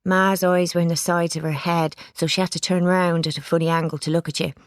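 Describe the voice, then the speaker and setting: A woman's voice: lowish voice, a little fast, dry recording, studio quality. Woman reading a storybook. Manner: lively character voices, plain narration. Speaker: audiobook reader. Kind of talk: storybook narration.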